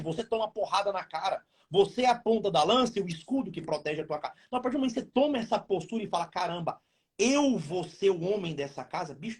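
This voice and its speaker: A man's voice: high-pitched, husky. A Brazilian man hosting a live stream from his home, giving blunt, slangy marriage advice to men. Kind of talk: casual advice talk on marriage.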